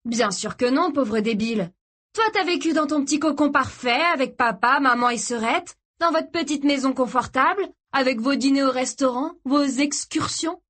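A woman voicing a volatile, jealous young man who shouts and snarls vulgar threats. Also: mid-range voice, measured pace, husky. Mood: furious shouting.

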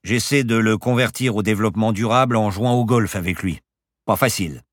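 A man's voice: on the low side, a little fast, dry recording, studio quality, voice pushed up, lightly acted. A man voicing a boastful, eccentric professor who flies a plane and talks in grand, teasing phrases. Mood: calm grandiose. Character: boastful eccentric old professor pilot, playful.

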